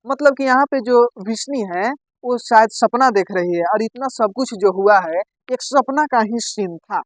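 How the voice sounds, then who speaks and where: A man's voice: very high-pitched, normal speed, no room sound, low-quality recording. A man teaching, reading a play aloud line by line and explaining each part in plain words. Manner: reads lines aloud, then explains them in plain words.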